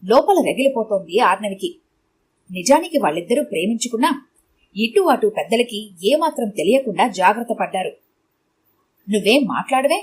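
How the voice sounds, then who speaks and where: Breathy woman narrating a story. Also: medium pitch, very animated, brisk, low-quality recording.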